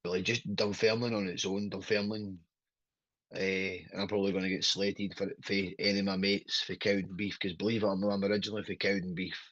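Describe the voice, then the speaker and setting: A Glaswegian pro wrestler in his thirties chats as a podcast guest, rambling and swearing while repeatedly asking "do you know what I mean" to check in with the listener. His voice sits low, a bit bright, with a flat, fairly quick delivery. The podcast audio is dry, dull and lo-fi.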